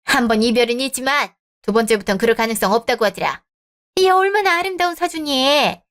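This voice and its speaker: A pushy, scheming mother-in-law, played by a woman in a scripted radio drama. Her voice sits high, and she wheedles and justifies herself. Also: animated, fairly quick, a bit bright. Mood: indignant.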